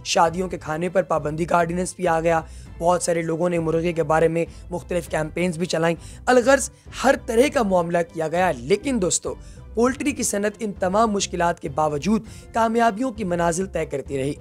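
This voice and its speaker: A documentary narrator delivers a scripted, explanatory voice-over at a mid pitch. The narrator keeps turning to the audience as friends between steps. Soft music plays faintly underneath. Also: a little fast. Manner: addresses listeners as friends, explanatory. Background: faint background music.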